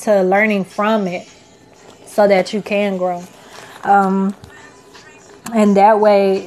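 A woman's voice: mid-range voice, darkish tone. A woman in her twenties hosting a casual self-help podcast, talking in an earnest, encouraging, rambling way full of "you know" and "like". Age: 20s. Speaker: podcast host.

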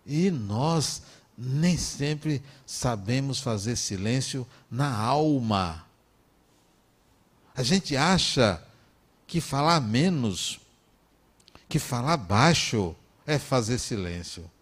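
A man's voice: medium pitch, expressive, very slow. A man with a Brazilian Portuguese accent giving a motivational talk with personal stories, emphatic and prone to repeating phrases and joking asides.

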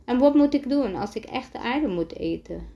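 A woman's voice: a little high, expressive, moderate pace, mellow, highs cut off, voice pushed up. A woman reading as Elle, an eager little witch girl. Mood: curious. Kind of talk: storybook read-aloud.

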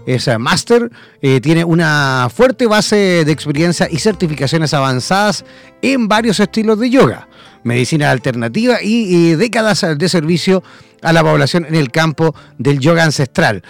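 Host of an online talk show, a man who emcees with enthusiasm and formal introductions. His voice sits high with some gravel, over faint background music. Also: expressive, moderate pace.

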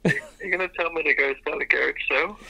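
A man's voice: a little high, very fast, creaky, sharp tone, breathy edge, no echo. A man talking casually as a marketer on a phone call, heard through a phone speaker. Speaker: marketer taking a sales call. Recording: dry, buzzy phone speaker.

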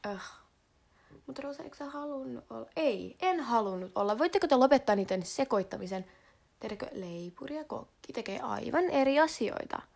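A teenage girl from Finland talking in a casual monologue, slangy and dramatic, swearing often and jumping between whispers and loud outbursts. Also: fairly high pitch, animated, creaky. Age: teens.

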